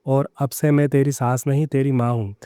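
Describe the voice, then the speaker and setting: A man voicing a proud, bitter older mother-in-law who softens, speaking in a sharp scolding way. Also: medium pitch, little pitch movement, moderate pace, clean tone, no room sound, studio quality, close to an everyday voice. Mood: tender.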